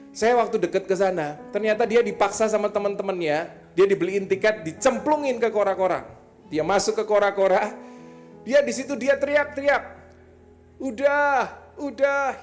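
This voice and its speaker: A man preaching a sermon, telling a story with lively acted-out sounds and speaking straight to his congregation. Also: high-pitched. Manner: warm direct appeals to the congregation. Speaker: pastor. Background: soft guitar playing.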